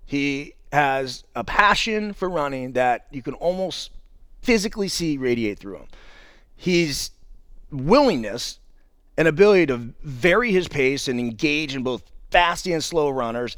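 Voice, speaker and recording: A man's voice: on the high side, expressive, a little slow, a bit bright, clean tone, no room sound, clean studio sound. A man, a father of three and an ultramarathon runner, telling his race story in a casual, jokey, conversational way, full of playful euphemisms. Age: adult father of three. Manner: often opens sentences with "now". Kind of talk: casual first-person race recap.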